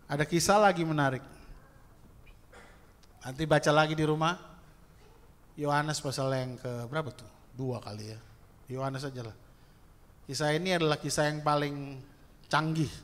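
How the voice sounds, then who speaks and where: A man delivers a sermon to his congregation, lively and playful, acting out short prayers and jokes. His voice sits a bit high. The sound carries a long reverb from the church hall. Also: moderate pace, pauses often. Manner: lively, playful preaching with acted-out prayers and asides. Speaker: pastor.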